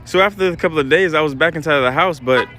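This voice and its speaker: A man's voice: on the high side, very fast, pushed and bright, faint music behind, rough recording. A middle-aged man telling a painful personal story in an earnest, hurt, plain-spoken way. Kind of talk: personal story told to camera.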